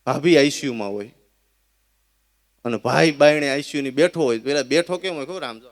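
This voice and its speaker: A man with a Kathiawadi Gujarati accent telling comic folk stories live, animated, often addressing his listeners as sir. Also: mid-range voice, fairly quick. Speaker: folk storyteller and schoolteacher.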